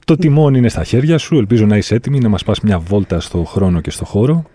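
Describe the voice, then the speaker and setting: Warm-voiced male show host. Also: fairly low pitch, lively intonation, no room sound. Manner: slow, theatrical introductions, brief reactions. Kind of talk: conversational interview hosting.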